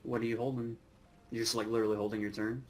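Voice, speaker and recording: A man's voice: lowish voice, little pitch movement, fast, poor audio. A man working as game master, narrating and refereeing a tabletop game in casual conversational language.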